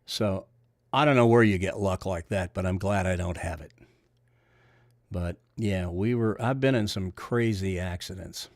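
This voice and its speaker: Older male bowling coach, Missouri accent, deep nasal voice, casual folksy livestream chatter, dry sound. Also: unhurried, dry recording. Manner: folksy, rambling, reads comments aloud and answers them. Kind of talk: casual livestream chat reading viewer comments.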